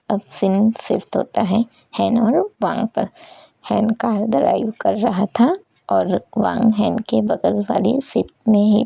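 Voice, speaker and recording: Slow, gravelly woman storyteller. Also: medium pitch, dry recording. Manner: plain, steady narration. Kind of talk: reading fan fiction aloud. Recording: slightly muffled lo-fi recording.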